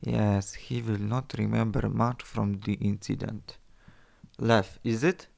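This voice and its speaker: A wiry, gray-haired ship's doctor speaks in a heavy Polish accent. His voice is low and gravelly. He sounds clinical and reassuring, as if muttering over a patient. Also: steady tone, slow, darkish tone, heavily acted. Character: brisk older male ship doctor, wiry, gray-haired.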